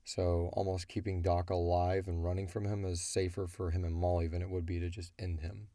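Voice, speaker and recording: An audio drama creator answers listener questions in a low, warm voice with a level tone, talking fairly quickly in a dry recording. He rambles casually and colloquially through his story, often voicing his characters' thoughts.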